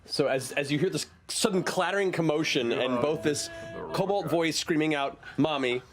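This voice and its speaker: A man acting as game master, narrating a tabletop game with halting pauses and fillers. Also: a little high, over music. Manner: halting, filler-heavy narration with lively swings. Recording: noisy table recording.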